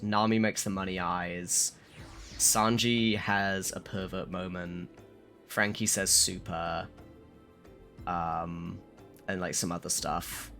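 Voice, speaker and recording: A hungover man streaming a game, chatting casually and haltingly with some swearing, his voice a little rough. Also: deep voice, bright, forceful tone. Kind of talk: casual livestream chat.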